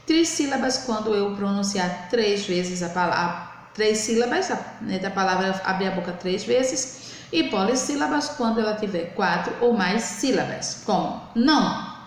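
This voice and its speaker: A woman's voice: mid-range voice, expressive, normal speed. A woman, teaching a young class in a recorded remote lesson, patiently stretching words out syllable by syllable. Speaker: primary school teacher. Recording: very echoey room, faint noise.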